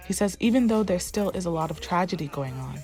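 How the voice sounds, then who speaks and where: A woman reporter reading a scripted news voice-over in a steady, even way. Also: on the low side, fast, faint music behind.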